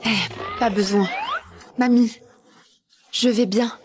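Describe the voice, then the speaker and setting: A modest young expectant wife in a dubbed drama, with a fairly high voice. She is polite yet stubbornly independent, gently declining things. Faint noise sits on the recording. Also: steady tone, takes it slowly. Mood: polite, reassuring. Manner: polite, demurring. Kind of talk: dubbed short-drama acting.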